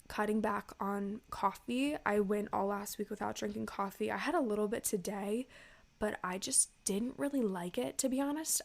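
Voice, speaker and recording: Congested American woman with creaky voice. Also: medium pitch. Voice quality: congested, stuffy-nosed. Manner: informal, chatty, addresses listeners as "you guys". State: sick with a stuffy nose. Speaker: podcast host. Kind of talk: casual solo podcast talk to listeners.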